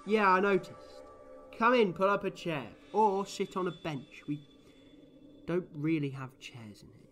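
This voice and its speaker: Eccentric sci-fi hero, male actor: bright, lightish voice, theatrical bluster, impulsive confidence. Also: high-pitched, soft background music. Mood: playful, affronted. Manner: animated, theatrical, quick to bluster. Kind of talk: sci-fi audio drama acting.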